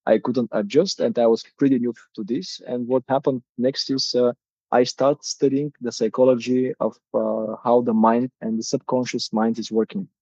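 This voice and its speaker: A Bulgarian-accented man in his thirties speaks hesitant, non-native English with a soft, mellow tone. The sound is dry and a little dull, like a lo-fi recording. His pitch sits in an ordinary middle range. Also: little pitch movement, moderate pace, breathy edge, no echo. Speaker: guest, coach. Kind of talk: casual interview talk.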